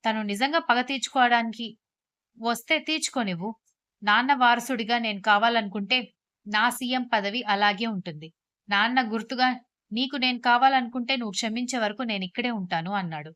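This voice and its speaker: A woman voicing a calm, stubborn young male chief minister in a storybook reading, with firm, even delivery. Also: fairly high pitch, brisk, lightly acted.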